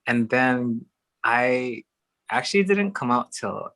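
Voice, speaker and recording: Chatty young man from Hawaii, bright tone. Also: mid-range voice, lively intonation, slow pace, dry recording. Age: young adult. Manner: chatty, warm, laughs often between phrases. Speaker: guest, drag performer. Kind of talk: casual chat.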